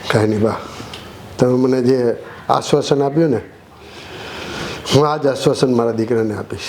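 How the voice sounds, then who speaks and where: An actor playing a middle-aged son, worried but calm, talking with his mother in a short film. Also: medium pitch, moderate pace, a little hiss or hum, lightly acted. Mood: relieved.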